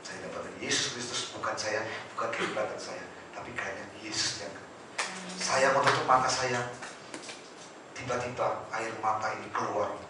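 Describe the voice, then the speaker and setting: Middle-aged guy telling his church testimony, emotional, goes loud then quiet, echoey hall, sounds far off, faint hiss. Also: lowish voice, fairly even intonation, normal speed. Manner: emotional, swinging between loud and hushed; addresses the congregation directly. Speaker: church member giving testimony. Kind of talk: personal testimony at a prayer service.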